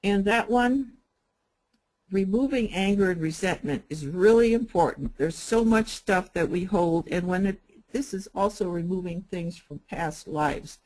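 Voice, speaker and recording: Older woman, healing workshop teacher, gentle and unhurried, mid-pitched voice, patient explanations. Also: low-quality recording. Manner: gentle, unhurried, repeats and spells out points.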